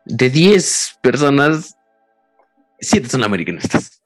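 A teenage boy with a Mexican Spanish accent, co-hosting a podcast in casual, argumentative banter, swearing a lot as his voice jumps high when heated. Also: big pitch swings, takes it slowly, no echo, faint music behind. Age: teens. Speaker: podcast co-host.

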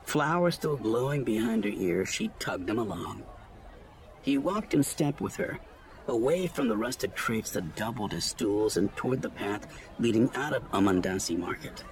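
A man narrating a story as an audiobook reader, in an expressive storytelling manner. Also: lowish voice, moderate pace. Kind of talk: scripted narration.

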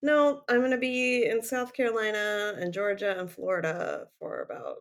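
A woman co-hosting a casual podcast, talking in a relaxed, easygoing way. Her voice sits at a middle pitch for a woman, and she laughs easily between short replies. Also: moderate pace, a little hiss or hum. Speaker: podcast co-host. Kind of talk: casual chat.

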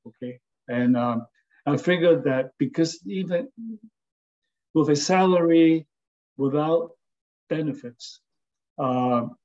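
An older Hong Kong architect and former design lecturer reminisces casually about his career in an interview, speaking haltingly with many fillers and restarts and often adding "okay?" His voice is on the high side and a little mellow, and the audio sounds dull.

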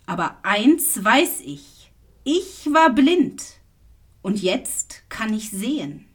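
A woman voicing a man born blind and now healed, read slowly in a Bible reading. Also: medium pitch, sing-song, husky, heavily acted. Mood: defiant. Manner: slow, plain reading voice.

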